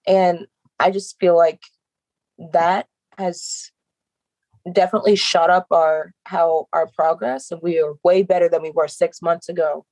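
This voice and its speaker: A woman's voice: lowish voice, steady tone, measured pace, darkish tone, dry recording, low-quality recording. A young adult woman, a professional wrestler, talking earnestly and reflectively in an interview, often breaking into laughs. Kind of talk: casual interview talk.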